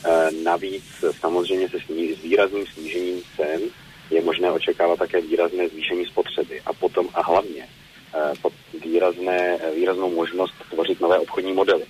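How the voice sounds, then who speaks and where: A man's voice: sits low, little pitch movement, darkish tone, slight background noise, low-quality recording. A man speaking as a telecom regulator in a news interview, explaining at length with many hesitations and fillers.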